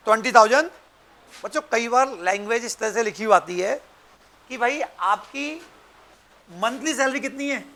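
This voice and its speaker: Very high-pitched, forceful male lecturer. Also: moderate pace. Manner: quizzing students with frequent short questions. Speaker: accountancy and tax teacher. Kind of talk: interactive lecture.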